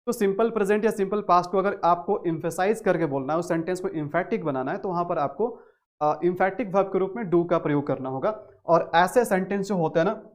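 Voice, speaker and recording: A man's voice: high-pitched, brisk. A man with a Hindi accent teaching a spoken English grammar lesson, repeating key phrases and stressing words hard.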